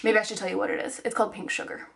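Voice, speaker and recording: A woman in her twenties talks in an informal, chatty vlog style. Her pitch sits in the middle range for a woman, and the room around her adds a clear echo. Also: level tone, rapid-fire, loud music behind the voice. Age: 20s. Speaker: vlogger. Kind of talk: casual personal vlog chat. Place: indoors at home, echoey room. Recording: echoey, roomy home recording.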